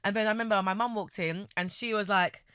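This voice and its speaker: A woman's voice: medium pitch, steady tone, fast, fairly bright tone, clean tone, no echo, clean studio sound. A young woman, a podcast guest telling a birth story in casual chat and acting out other people's voices.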